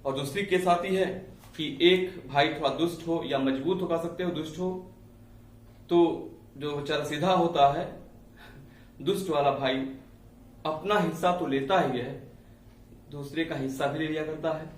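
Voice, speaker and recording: A man with a fairly high voice gives a classroom chemistry lecture, speaking unhurriedly with frequent pauses. He uses everyday analogies and often checks in with his students. The recording is distant, with heavy reverb.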